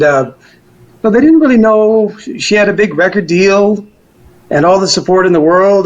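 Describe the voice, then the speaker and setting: On a rough recording, an older or middle-aged male musician looks back on his past during an interview. His voice sits on the high side, and he wanders through his answers informally, leaning on "you know" and "kind of."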